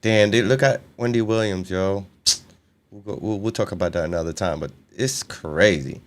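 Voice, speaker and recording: A man's voice: sits low, normal speed. Chill new york guy hosting a reaction show, slangy, lots of you know what i mean. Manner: laid-back, slangy, many fillers. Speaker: host. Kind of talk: casual reaction chat.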